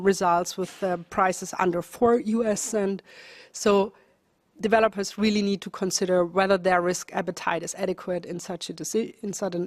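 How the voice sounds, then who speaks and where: A woman gives a conference presentation and answers questions in an earnest, explanatory way, moving in quick bursts and restarting words now and then. Her voice sits mid-range, and the sound is dry and close. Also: mid-range voice, dry recording. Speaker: panel speaker, researcher.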